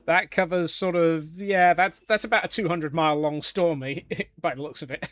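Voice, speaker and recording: A man's voice: a little high, steady tone, normal speed, a bit bright, dry recording. A man from Scotland chatting casually on a live gaming stream, joking along with viewers and answering their questions. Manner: chatty and jokey, answering chat.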